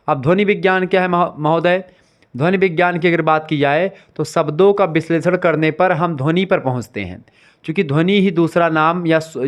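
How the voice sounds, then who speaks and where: A man teaching an exam revision lecture, explaining step by step, repeating key terms and checking that students follow. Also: a little high.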